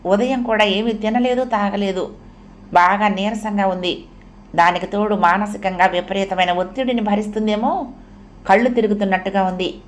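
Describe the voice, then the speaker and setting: A woman reads a novel aloud in a measured, expressive storytelling voice. Her pitch sits in the middle range, neither high nor low. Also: a little hiss or hum. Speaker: audio novel narrator. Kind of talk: scripted narration of a novel.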